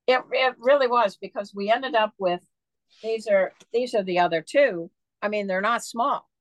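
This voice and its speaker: A woman author, interviewed in a casual storytelling format, spins long rambling tales packed with fillers. Her mid-range voice moves at a moderate pace with no echo, and her manner is chatty and digressive.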